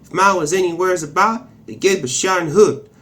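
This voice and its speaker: A man's voice: high voice, moderate pace, fairly bright tone. A man voicing a plainspoken rural farm man from a novel, in a folksy, practiced Oklahoma accent. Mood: matter-of-fact.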